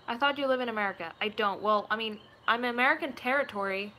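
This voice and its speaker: Quick-paced and sharp-toned, with a voice on the high side, a twenty-year-old video creator from Puerto Rico chats with viewers in a playful, rambling, vlogger-like way, trying on accents and voices. This casual live chat takes place in a small room at home, with noisy webcam audio.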